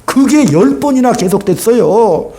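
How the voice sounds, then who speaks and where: A man's voice: very high-pitched, a little slow, slight background noise. A male pastor preaching a sermon, acting out dialogue and asking the congregation questions. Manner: animated, acts out dialogue, asks the congregation questions. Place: church sanctuary.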